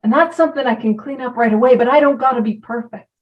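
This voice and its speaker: A woman gives a chatty, self-deprecating informal talk about recovery, drifting from one point to the next. Her voice is on the high side and fast, captured far from the mic in a muffled recording.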